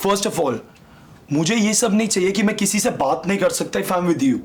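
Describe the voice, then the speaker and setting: A young man with a fairly high voice argues his side, defensive and insistent. He keeps cutting in to explain himself, slipping English phrases into his Hindi. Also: animated, moderate pace, crowd noise. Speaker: reality show contestant. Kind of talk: heated argument in Hindi and English.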